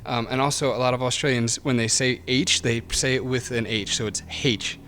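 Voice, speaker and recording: A man of middle pitch chats loosely on a gaming podcast. He trips over his words, restarts sentences and swears offhandedly. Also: steady tone, brisk, a bit bright, a little hiss or hum. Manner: rambling, restarts often, swears casually. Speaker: podcast co-host. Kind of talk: casual chat.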